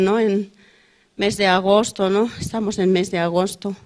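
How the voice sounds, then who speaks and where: A woman's voice: medium pitch, a little mellow. Bolivian woman telling her church testimony. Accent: Bolivian Spanish. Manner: ends nearly every phrase with a questioning tag, plain conversational storytelling. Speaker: church member giving testimony. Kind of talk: testimony at a prayer service.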